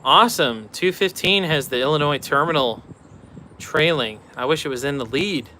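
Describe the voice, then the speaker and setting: A man's voice: on the high side, moderate pace, pushed and bright, a little hiss or hum. A man hosting a casual live stream outdoors beside railroad tracks, chatting offhand and answering viewer questions.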